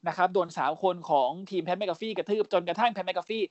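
A man co-hosting a casual podcast, recapping events as an animated storyteller, full of crude slang and mimicked voices. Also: sits high, moderate pace, dry recording, muffled recording. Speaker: podcast co-host.

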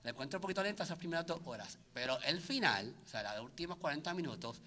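Male co-host, bright tone, lively storyteller with many restarts. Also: fairly high pitch, fast talker. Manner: animated, acts out his own reactions, many restarts. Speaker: podcast co-host. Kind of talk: casual chat.

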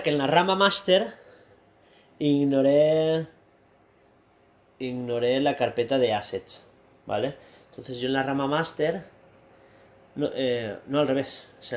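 A man from Spain in casual chat, explaining things at length and laughing easily. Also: mid-range voice.

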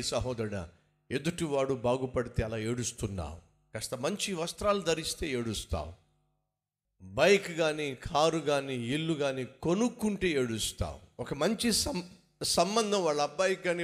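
A man preaching a sermon, firing rhetorical questions and acting out the words of biblical figures. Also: a little high. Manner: animated, rhetorical questions, acts out biblical speakers. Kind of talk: Telugu sermon.

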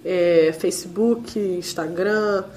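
A Brazilian Portuguese-speaking woman giving a conversational interview, her voice hoarse and duck-like as she recovers from laryngitis. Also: on the low side, very slow, warm tone. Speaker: interviewee, independent musician.

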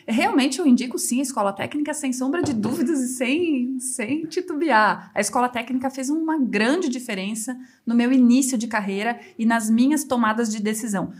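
A woman with a slightly high voice speaks as a podcast guest. She tells her stories in a lively, conversational way and slips into other people's voices when she quotes them. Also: normal speed, few pauses, slightly rough. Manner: lively storyteller who acts out quoted dialogue. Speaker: civil engineer guest. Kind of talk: casual interview storytelling.

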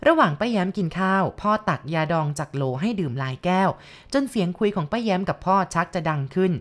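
A woman giving a calm, measured scripted narration of a ghost story. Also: fairly low pitch.

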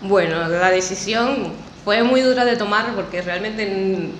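A woman's voice: mid-range voice, unhurried. A woman from Venezuela, a podcast guest, telling her story in a chatty way with frequent laughs and a nervous edge. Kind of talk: casual interview. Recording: echoey room, faint noise.

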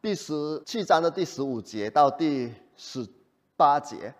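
A male pastor preaching a sermon in an animated way, often putting rhetorical questions to the congregation. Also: fairly high pitch, measured pace.

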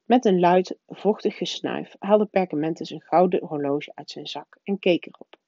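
A woman reading a children's novel aloud in a soft, low-key narrating voice. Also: normal speed, dry recording. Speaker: reader. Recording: dull, dry lo-fi recording.

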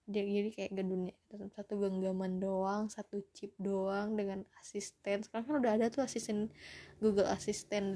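Casting: female podcaster, twenties, warm dark tone, soft-edged delivery, loose and self-deprecating solo chat. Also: mid-range voice. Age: 20s. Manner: rambling, self-deprecating, often chuckling to herself. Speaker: podcast host.

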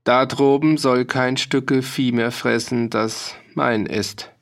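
A man's voice: medium pitch, fairly even intonation, a bit bright. A man voicing a proud, stubborn farmer who speaks in earnest, rustic turns of phrase. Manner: measured, earnest, rustic dialect speech.

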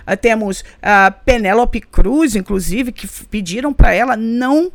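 A woman's voice: on the high side, a little slow, dry recording. A woman who teaches English pronunciation, explaining patiently in an interview and checking in with short tags.

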